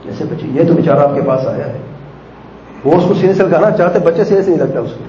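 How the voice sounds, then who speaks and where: A man delivers a conversational sermon, slipping into short acted family exchanges and rhetorical questions. His voice sits a little high yet sounds soft and mellow. The recording is roomy and slightly dull. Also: slight background noise. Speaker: preacher. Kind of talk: sermon on parenting.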